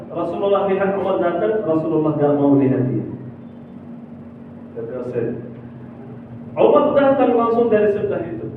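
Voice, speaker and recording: A man preaching a sermon, telling a story with lively acted-out dialogue and chanted phrases, heard from far off in a mosque. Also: sits high, slight background noise. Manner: animated, acts out dialogue, drawn-out chanted phrases. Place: mosque hall. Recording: distant, phone-like, very echoey hall.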